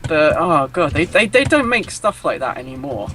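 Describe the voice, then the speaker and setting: A young man from England co-hosting a gaming session, voice sitting a bit high and swinging widely as he tells stories. He laughs often and leans into the telling. A faint noise floor sits under the recording. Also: moderate pace, low-quality recording. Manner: animated storyteller, laughs often. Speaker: let's play co-host. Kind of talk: casual gaming chat.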